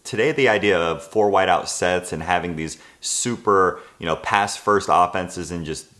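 In the living room of an apartment, a man in his twenties tells a scripted football underdog story to camera as a sports video host. He's casual and conversational, often saying "you know." His voice is low and fairly bright, at a moderate pace.

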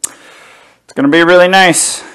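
A middle-aged man slowly unboxing and inspecting car parts in his home garage, talking casually to a camera a few feet away. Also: sits high, steady tone, a bit bright, smooth. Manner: slow, easygoing, talks while handling parts. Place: home garage workshop, indoors.

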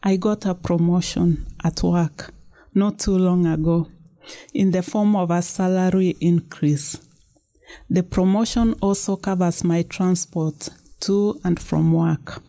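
A woman's voice: fairly low pitch, fairly even intonation, slow, mellow. A woman reading the part of an anxious young career woman pleading earnestly with her parents.

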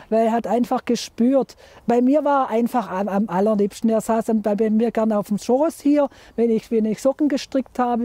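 A woman's voice: a little high, dry recording. Chatty woman telling a garden story. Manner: lively storyteller, imitates chick sounds. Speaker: interviewee. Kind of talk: documentary storytelling. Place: garden, outdoors.

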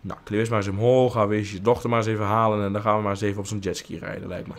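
A man's voice: on the low side, little pitch movement, racing. A man doing casual let's play commentary, joking crudely and humming silly tunes while he plays.

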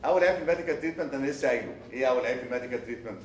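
A male surgery lecturer with an Egyptian Arabic accent who talks quickly, repeats himself and quizzes his students with rhetorical questions. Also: medium pitch. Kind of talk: recorded lecture. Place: lecture hall. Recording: echoey lecture hall from far off.

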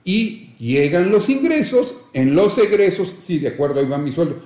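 A middle-aged man with a Mexican accent talks as a guest in an interview, lecturing in an emphatic, rhetorical way. His voice sits a little high yet sounds mellow. The room around him is roomy and echoey. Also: sing-song, normal speed. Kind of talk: conversational interview.

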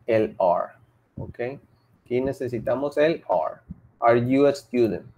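A woman's voice: a bass voice, lively intonation, slow, mellow, lo-fi sound, slight background noise. A woman teaching an English class online, explaining patiently step by step and mixing English example sentences into her talk.

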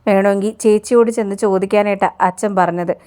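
A woman's voice: mid-range voice, fairly even intonation, fast talker, dark tone, smooth, close to an everyday voice. A woman voicing a caring young married woman comforting her younger sister. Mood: tender. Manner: tender, comforting.

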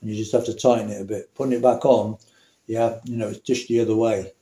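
A man's voice: on the low side, flat delivery, quick pace, warm tone, reverberant. A man demonstrating a motorcycle repair in a workshop, chatty and correcting himself as he works. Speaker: motorcycle mechanic. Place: indoor workshop.

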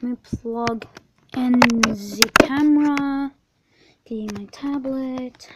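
A woman speaking slowly in a high voice, with background noise, plays a jumpy, childlike male ogre in a homemade role-play vlog. In a playful mood, she calls everyone donkey. It's recorded on a handheld video camera, outdoors at night and later indoors at home.

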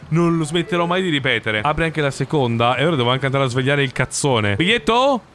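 A young man giving sarcastic, profane commentary while playing a bus driving game, with sudden loud outbursts. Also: medium pitch, fast, a little hiss or hum. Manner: swearing, sarcastic, animated outbursts. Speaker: gaming YouTuber. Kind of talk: comedic gameplay commentary.

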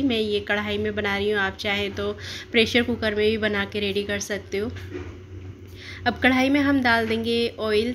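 Woman doing a cooking channel voice-over, calm step by step explaining, medium pitch, little bit of room noise. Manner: steady instructional, explains each step and options.

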